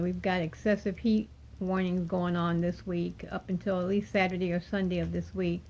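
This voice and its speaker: An older cross-stitch vlogger speaks without her dentures, her articulation soft and toothless, in a rambling, apologetic casual update to her viewers. Her voice sits on the low side with vocal fry.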